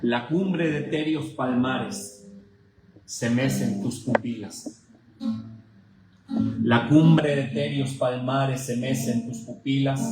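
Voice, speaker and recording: A man's voice: medium pitch, echoey room, poor audio. A man, a poet being interviewed, reminiscing and often repeating words as he searches for them, then reciting a poem. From Veracruz, Mexico. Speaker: poet and guest. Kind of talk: conversational interview, poetry recital.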